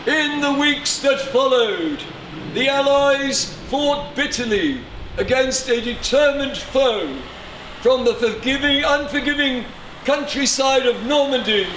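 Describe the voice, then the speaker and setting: An older man cries out a formal proclamation like a royal herald. His projected voice is very high for a man and slow, in measured phrases. It rings with echo outdoors, over loud background noise. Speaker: town crier. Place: outdoors on steps in a stone doorway.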